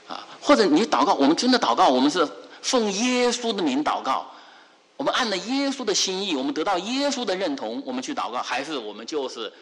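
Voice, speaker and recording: A man preaching a sermon, animated, asking rhetorical questions again and again. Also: mid-range voice, in a large hall.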